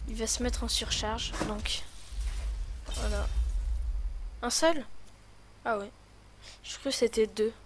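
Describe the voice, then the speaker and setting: A woman's voice: on the high side, fairly even intonation, slow pace, pauses often, slight background noise. A woman with a lisp on her s sounds, rambling and thinking aloud in casual commentary as she hosts a gaming video.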